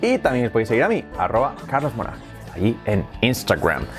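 A man with a Spain Spanish accent, teaching English pronunciation in a casual video lesson and drawing words out slowly to drill sounds. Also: medium pitch, wildly swooping pitch, soft background music. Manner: slow, exaggerated pronunciation drills.

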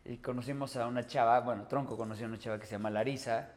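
A man's voice: medium pitch, steady tone, very fast. A Mexican man hosting a casual podcast, talking in slang and swearing. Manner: slangy, swears, laughs easily. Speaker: podcast host. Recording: hall reverb.

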